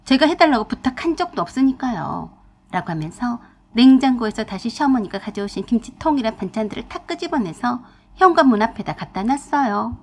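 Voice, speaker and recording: A woman's voice: fairly high pitch, big pitch swings, fairly quick. A woman telling a family story as an outspoken narrator, acting out her own side of the arguments. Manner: outspoken, indignant. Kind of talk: storytelling narration with acted dialogue.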